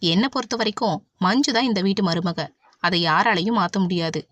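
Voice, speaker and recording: A man's voice: sits high, a little fast, fairly bright tone, no echo. A woman voicing a stern, stubborn middle-aged father who speaks firmly. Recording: dull, dry audiobook recording.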